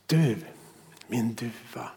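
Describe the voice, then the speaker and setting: A man preaching a sermon, reading scripture slowly, dropping to hushed whispers and then rising sharply for emphasis. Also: medium pitch, vocal fry, in a large hall. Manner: swings from hushed whispers to sudden emphatic rises.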